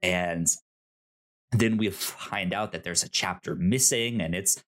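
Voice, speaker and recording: With a deep, slow voice, this man co-hosts a podcast reviewing a TV show, chatting casually without a script. He animatedly performs imagined exchanges and frequently repeats words and syllables.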